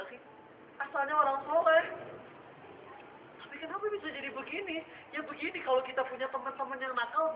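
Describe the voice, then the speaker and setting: Man, preacher, storytelling sermon, acts out voices, high voice, echoey room, distant mic. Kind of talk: sermon to students. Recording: echoey room heard from far off, dull and noisy.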